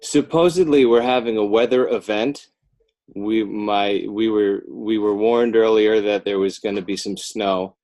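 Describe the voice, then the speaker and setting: A children's book author from Northern New Jersey appears as a guest on a casual podcast interview, his low, somewhat mellow American voice rambling a bit. He backs up to correct himself and assembles his answers haltingly. The recording is rough.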